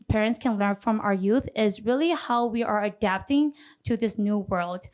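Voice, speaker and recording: A woman speaking as a pageant contestant, giving formal, earnest answers in an interview round and politely thanking the questioner. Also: mid-range voice. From Minneapolis, Minnesota.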